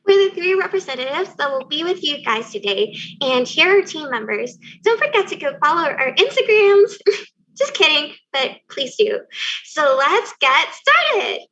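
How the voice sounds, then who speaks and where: Young woman presenting, high bright voice. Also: a little slow, highs cut off. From Thailand. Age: young adult. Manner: upbeat, playful opening, then steady explanatory reading. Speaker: student team leader presenting. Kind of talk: prepared presentation.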